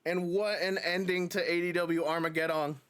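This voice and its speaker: A man doing dramatic, excited pro wrestling play-by-play in the manner of a ringside announcer. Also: high voice, moderate pace. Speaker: streamer and wrestling commentator.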